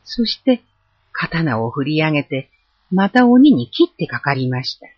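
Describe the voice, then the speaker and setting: A folk tale is read aloud in an expressive, spirited way by a storyteller whose husky voice rises and falls a great deal. The pace is a little slow, and the lo-fi recording is dull with no room sound.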